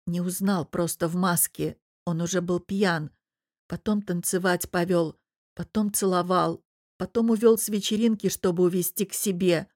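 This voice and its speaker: A woman narrating a story in a steady, scripted audiobook read. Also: on the low side, normal speed, no echo, studio quality.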